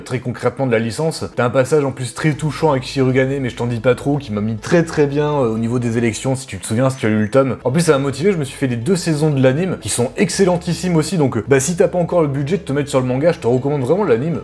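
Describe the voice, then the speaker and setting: A man's voice: mid-range voice, a little mellow. A young man, casually and enthusiastically reviewing the manga he read this month, full of slang and talking straight to the viewer. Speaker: manga YouTuber.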